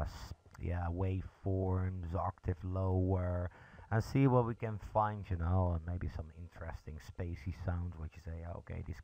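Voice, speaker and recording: Sitting indoors at a computer, a man from Amsterdam in the Netherlands hosts a casual music production tutorial as a voice-over on a screen recording. His low, warm voice carries a Dutch accent, and he is laid-back and hesitant, rambling from point to point. The audio is dull and lo-fi, like a simple home setup.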